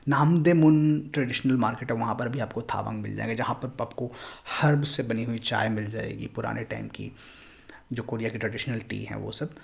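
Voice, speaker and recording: A man's voice: mid-range voice, fairly quick, creaky. A man teaching a language lesson, explaining patiently and switching between Hindi and English.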